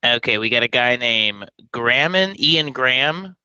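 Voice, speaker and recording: Bright-voiced joking Texas podcast guy. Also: medium pitch, measured pace, clean tone, no room sound, highs cut off. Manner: animated, jokey, profane storyteller. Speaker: podcast co-host. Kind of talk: casual podcast storytelling.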